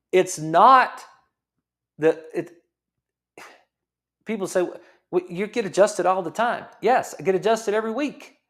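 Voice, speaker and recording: A man in his fifties, a chiropractor, giving a casual health talk that explains things, repeats points and asks rhetorical questions. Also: high voice. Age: 50s. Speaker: chiropractor host.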